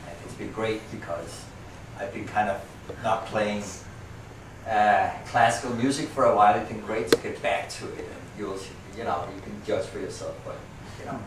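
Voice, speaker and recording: A man's voice: lowish voice, moderate pace, recorded from a distance. Man, Danish accent, loose rambling party introduction, picked up from across an echoey room, faint hiss. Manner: rambling, self-deprecating, many fillers and restarts. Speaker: musician introducing a poem reading. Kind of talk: informal spoken introduction at a party.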